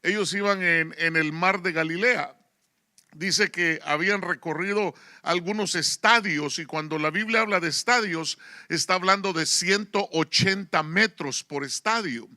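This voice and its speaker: A man pastor preaching a sermon, peppering his talk with asides to the congregation and rising into sudden loud bursts. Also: sits high, measured pace, no echo, clean studio sound.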